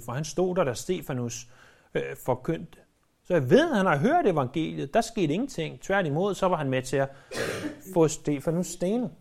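Lively preacher giving a sermon, lots of uh's and repeated words, voice jumps up when quoting people. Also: creaky. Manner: animated, acts out quoted speech with pitch jumps; frequent hesitation fillers and word repeats.

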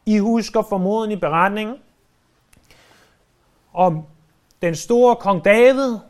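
Guy preaching a sermon, pretty high voice, tells it like a story, slows way down on the big lines. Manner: vivid storytelling, slowing down to stress key words.

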